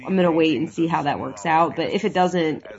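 This woman's voice sits low and is a little mellow, and she talks briskly despite a cold that makes her nasal and congested. She's chatting casually as a podcast co-host, often laughing, on a dull lo-fi recording.

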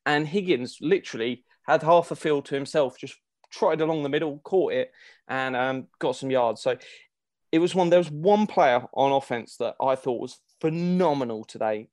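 A man's voice: medium pitch, normal speed, darkish tone, no room sound, clean studio sound. A man giving casual sports analysis as a podcast co-host, thinking aloud and restarting his phrases.

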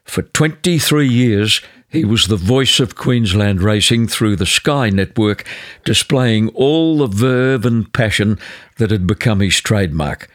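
An older man with an Australian accent, hosting an interview in a measured, articulate broadcaster's style. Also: lowish voice, lively intonation, no echo, clean studio sound. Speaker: podcast host, interviewer. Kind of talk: polished scripted introduction and interview.

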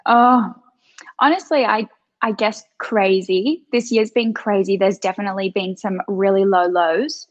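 A woman in her twenties with an Australian accent, a podcast guest telling her story in a casual, relaxed way. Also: mid-range voice, a little slow, no room sound, dull audio. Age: 20s. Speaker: guest, content creator. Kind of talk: remote podcast interview.

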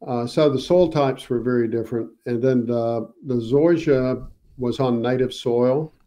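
Mellow-voiced man explaining with many pauses. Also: mid-range voice. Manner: hesitant, many fillers, explains patiently. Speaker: guest researcher. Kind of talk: casual interview.

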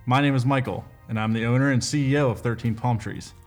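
A man cutting into the show with a hijacked-broadcast mock commercial, delivered in a deadpan, self-mocking way. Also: mid-range voice, quick pace, faint music behind. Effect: hijacked broadcast, a mock interruption of the show.

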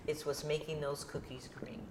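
Woman, cooking host, low-ish voice, repeats herself, roomy echo. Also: little pitch movement, moderate pace, heavy background noise. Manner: chatty, repeats phrases for emphasis. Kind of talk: casual cooking chat. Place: home kitchen. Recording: echoey kitchen with guitar music.

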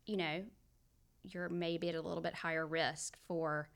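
A woman's voice: fairly low pitch, little pitch movement, unhurried, creaky. A woman with a Southern US accent co-hosting a casual health podcast, adding friendly comments and summing up points. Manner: adds friendly comments and summaries. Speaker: podcast co-host.

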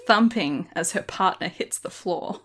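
A woman's voice: fairly low pitch, animated, a little slow, crowd noise. A woman narrating an improvised audio role-play, giggling often between lines. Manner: giggly, breaks into laughter often.

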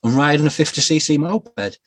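A man, a guest telling his life story in a podcast interview, reflective and halting with restarts. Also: on the high side, expressive, dry recording. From Yorkshire, England. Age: 40s. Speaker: guest author.

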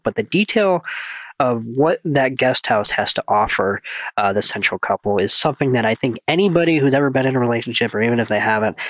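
A man co-hosting a film podcast, chatting casually and animatedly, his pitch jumping up for emphasis. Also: no room sound. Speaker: podcast co-host.

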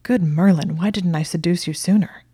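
A smug young wizard who savors every long word, as a woman reads him aloud. The voice sits low and dark, with a creaky edge and little rise and fall. The sound is close and dry. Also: normal speed, dry recording. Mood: teasing.

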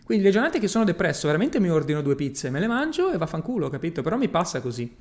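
A man speaks straight to his viewers on a casual livestream, coaching them on mindset. His voice sits a little higher than most men's. He is blunt and emphatic, swears without a second thought and keeps asking whether they follow. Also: big pitch swings, quick pace, a little mellow. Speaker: personal growth coach. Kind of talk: casual livestream talk reading viewer comments.

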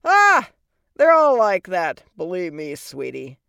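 A woman voicing a bossy, sarcastic fairy godmother who talks loudly and bluntly. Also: on the low side, wildly swooping pitch, slow pace, creaky, clear, resonant tone, no echo, clean studio sound, heavily acted.

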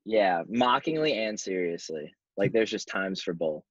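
A man's voice: low-pitched, lively intonation, a little slow, breathy edge, no echo. A man in casual podcast chat who jokes and laughs as he talks, using a lot of slang. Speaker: guest, former soccer player. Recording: dull lo-fi recording.

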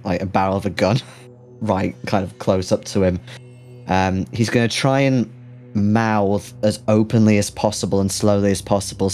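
A man with a fairly low voice takes his turn as a player in a tabletop role-playing game. He talks earnestly and hesitantly, often restarting his sentences. Faint music plays in the background. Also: darkish tone. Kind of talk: tabletop role-play, in and out of character.

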